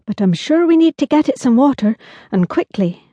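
A woman voicing a cheerful, brisk father in a children's audiobook. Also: sits high, sing-song, dark tone, dry recording, pitched above the performer's own voice. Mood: jolly. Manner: brisk, jolly. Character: cheerful, grinning dad, middle-aged man. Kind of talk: audiobook character voice.

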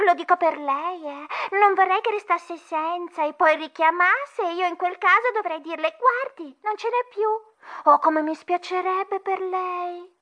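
A man doing a shrill pushy mouse saleswoman. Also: measured pace, bright, forceful tone, full character voice. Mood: wheedling. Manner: wheedling, confiding sales patter. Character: pushy chatty female mouse saleswoman on the phone. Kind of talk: storybook audiobook acting.

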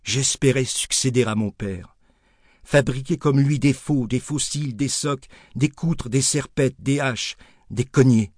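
A man narrating an audiobook in an expressive storytelling manner. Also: medium pitch, unhurried, dry recording, studio quality. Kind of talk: scripted narration.

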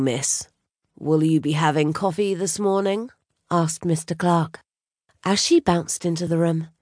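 A woman narrating an audiobook in a measured, even storytelling manner. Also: sits low, dry recording, studio quality. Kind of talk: scripted narration.

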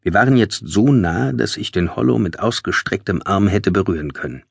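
Male narrator, low husky voice, dry close studio sound, tense measured delivery. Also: animated, no echo. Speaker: audiobook narrator. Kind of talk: scripted first-person audiobook narration. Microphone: close studio mic.

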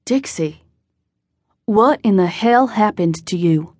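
Woman voicing a father, gruff, commanding, mid pitch, dry close sound. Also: animated, slow pace, a little mellow, no echo. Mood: alarmed. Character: angry Southern father, grown man.

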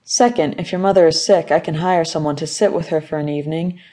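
A woman's voice: low voice, fairly even intonation, fast, dark tone, lightly acted. A woman voicing an arrogant wealthy male company owner who speaks in a smug, commanding way.

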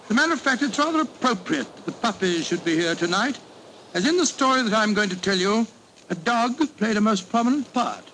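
An actor playing an older doctor telling a story in 1940s radio drama style, bluff and chuckling. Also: male voice, sits high, lively intonation, fairly quick, sharp tone, low-quality recording. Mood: fond. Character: older male English doctor, genial storyteller. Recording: old radio broadcast with faint hiss.

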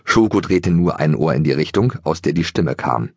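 Male audiobook narrator, low voice, lively melody, husky edge, dry close sound. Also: normal speed, dry recording. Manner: animated, expressive storytelling.

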